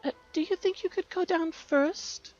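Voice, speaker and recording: A woman voicing a timid little child who is scared of a dark basement, reading game dialogue in a nervous, pleading way. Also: very high-pitched, measured pace, muffled recording, soft background music, voice pushed up.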